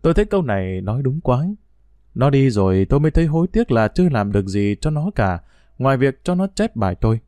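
A man's voice: medium pitch, big pitch swings, fast, dark tone, dry recording. A man narrating a first-person story in a wry, reflective, conversational way.

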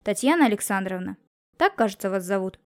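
A woman voicing an outraged middle-aged businessman father with an explosive temper, shouting in slow, heavy bursts for an audiobook. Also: medium pitch, animated, close to an everyday voice. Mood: controlled, earnest. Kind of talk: audiobook character reading.

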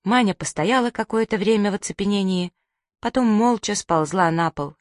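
A woman narrating an audiobook in a lively, expressive storytelling manner. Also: medium pitch, normal speed, dry recording. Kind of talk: audiobook reading. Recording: dry close studio sound.

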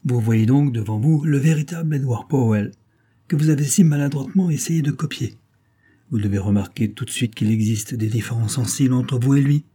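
A man voicing a boastful gang chief who threatens his captives with loud, sonorous phrases, in a storybook reading. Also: medium pitch, a little fast, slightly rough, voice pushed up, natural voice. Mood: mocking.

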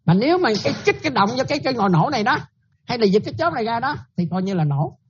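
A woman's voice: fairly high pitch, big pitch swings, rapid-fire, lo-fi sound, background noise. A Buddhist nun giving a dharma talk, often checking that her listeners follow and repeating her points.

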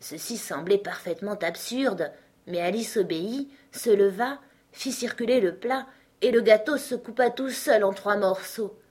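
A woman narrating an audiobook with a steady, measured reading. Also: mid-range voice, slightly rough.

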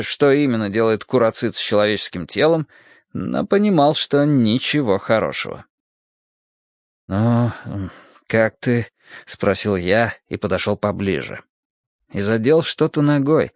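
A man of middle pitch narrates an audiobook in a steady, measured way. The recording is dry and a little dull, with no room sound. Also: no room sound. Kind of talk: first-person audiobook narration.

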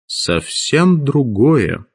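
A man voicing a stern male chief of mages who speaks dryly and in a measured way, in an audiobook. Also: mid-range voice, very animated, vocal fry, slightly rough, voice pushed up, full character voice. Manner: dry, measured.

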